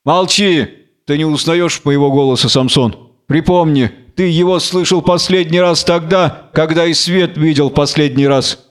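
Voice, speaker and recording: A man's voice: a little high, normal speed, clear, resonant tone, lightly acted. A man voicing a stern nobleman who barks orders. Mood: commanding. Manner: barking orders. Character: stern red-haired nobleman, harsh and commanding.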